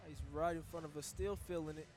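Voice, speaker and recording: A man's voice: on the high side, fairly even intonation, quick pace, a little mellow, soft background music. Man giving casual ringside color commentary. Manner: analytical color commentary, conversational. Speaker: fight commentator. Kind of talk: live sports commentary. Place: ringside at a live kickboxing event.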